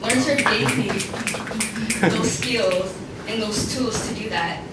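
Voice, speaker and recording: A woman's voice: mid-range voice, takes it slowly. A young woman speaking as an alumni speaker at an event, earnest and laughing now and then. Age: young adult. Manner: earnest, laughs between lines. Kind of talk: speech at a networking event. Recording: echoey room from far off, loud background noise.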